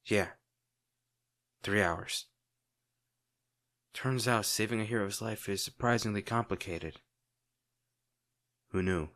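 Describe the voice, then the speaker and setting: The crime-boss villain, voiced by a man in an intimate audio roleplay, sounds sardonic, pausing dramatically while masking tenderness and worry. His voice is lowish with a fairly bright tone.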